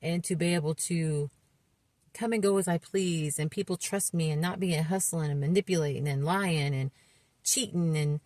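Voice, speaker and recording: A woman in her fifties speaking candidly about her own recovery, earnest and halting, with frequent restarts and fillers. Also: low voice, a little mellow, no echo. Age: 50s. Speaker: recovery vlogger. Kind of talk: candid personal testimony.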